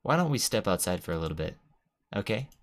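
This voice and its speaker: A man reading the lines of a calm teenage girl who leads a school club, in a soft, gentle way. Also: fairly low pitch, fast.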